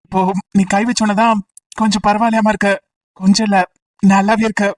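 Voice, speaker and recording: A woman's voice: mid-range voice, little pitch movement, fairly quick, recorded from a distance, a little hiss or hum, lightly acted, low-quality recording. A woman voicing a teasing, persistent young male college student in an amateur audio drama, talking in a playful, coaxing way.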